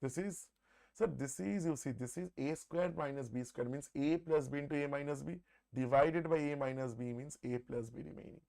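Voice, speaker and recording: A man's voice: medium pitch, moderate pace, creaky, darkish tone. Indian-accented man teaching maths live. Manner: repeats phrases, often addresses listeners as "sir"; conversational, mixes Hindi words into English. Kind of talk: live exam-prep lesson, working through problems aloud.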